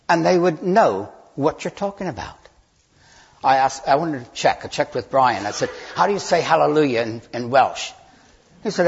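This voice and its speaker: Husky guy preaching in church, kinda high voice, earnest, stops and restarts a lot, dull lo-fi sound. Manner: earnest, halting with restarts, stresses key words. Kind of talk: sermon.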